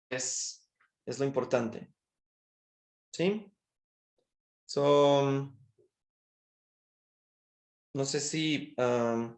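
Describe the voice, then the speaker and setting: A man's voice: medium pitch, a little mellow. A man teaching a language class over a video call, patiently explaining and often checking in with short questions. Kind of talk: online class lesson.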